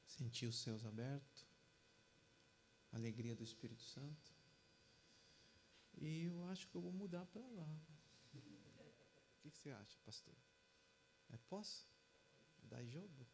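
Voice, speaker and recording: Gravelly Peruvian-accented pastor. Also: male voice, a little high, expressive, a little slow, long pauses, slight background noise, low-quality recording. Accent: Peruvian Spanish. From Peru. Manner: casual chatty introduction, then fervent loud prayer. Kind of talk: sermon and prayer. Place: church.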